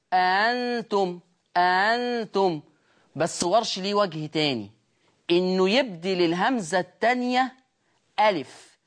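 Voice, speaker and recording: A woman with an Egyptian accent teaching Quran recitation rules on a broadcast, explaining quickly and often checking whether her listeners follow. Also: mid-range voice. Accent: Egyptian Arabic.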